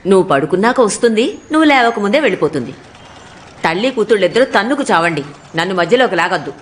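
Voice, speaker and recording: A dubbing actress voicing a nagging, sharp-tongued old grandmother who snaps back quickly. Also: mid-range voice, sing-song, lightly acted. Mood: scolding. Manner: scolding, quick retorts. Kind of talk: dubbed drama dialogue.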